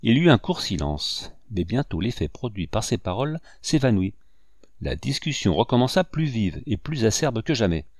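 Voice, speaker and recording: A man narrating a novel as an audiobook in a steady, even reading. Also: on the low side, normal speed, no room sound, clean studio sound.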